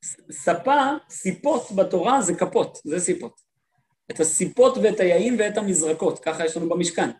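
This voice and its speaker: Man teaching a religious class, high voice, animated storyteller, acts out quotes. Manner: lively storytelling, acts out quoted speakers, repeats words for emphasis. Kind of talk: Torah lesson with stories.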